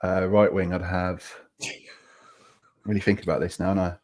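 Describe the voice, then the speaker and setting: A man's voice: low voice, little pitch movement, normal speed, a little mellow. A man with a Norfolk accent chatting casually and jokily as a podcast host. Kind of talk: casual joking chat.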